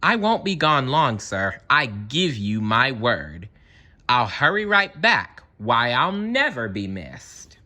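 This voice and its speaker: A man's voice: medium pitch, very animated, slow, pushed and bright, full character voice. A man voicing a lazy, flighty female bird from a children's storybook, sugary and coaxing in a sing-song way. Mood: pleading.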